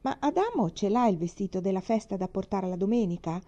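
A woman's voice: mid-range voice, lively intonation, fast talker, mellow, close to an everyday voice. A woman voicing a restless, rebellious young girl in a storybook reading, with plaintive outbursts. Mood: curious. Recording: dull lo-fi recording.

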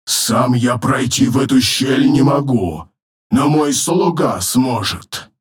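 Slow, rough demon overlord, layered demonic voice, menacing audiobook villain. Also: male voice. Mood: mocking menace. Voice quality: rumbling, rough. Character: arrogant, cruel male demon lord from beyond a portal. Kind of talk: audiobook narration with voiced characters.

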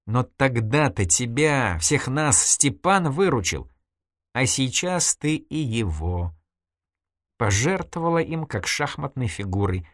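A man's voice: mid-range voice, very animated, takes it slowly, no echo, clean studio sound, pitched above the performer's own voice. A man reading an audiobook, voicing a shaken woman who reproaches a friend. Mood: reproachful. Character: shaken woman facing her friend the killer.

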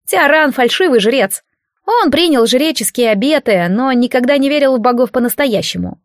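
For an audiobook, a woman voices a cheeky, boyish, grumpy shape-shifting child god in a high, animated pitch, recorded dry with clean studio sound. The character is mocking, petulant, teasing and quick, with a grown-up edge beneath the childlike voice.

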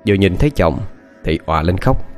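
Low-voiced guy reading a spooky story, lots of rise and fall, faint music under it. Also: brisk. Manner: steady storytelling with lively intonation. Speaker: audiobook narrator. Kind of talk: scripted narration.

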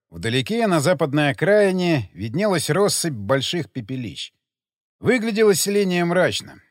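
A man narrating an audiobook in an expressive storytelling way. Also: on the high side, no echo, clean studio sound.

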